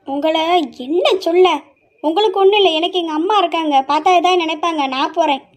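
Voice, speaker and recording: A woman's voice: very high voice, quick pace. [name], a woman doing a flustered young woman. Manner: flustered pleading, pushing him away.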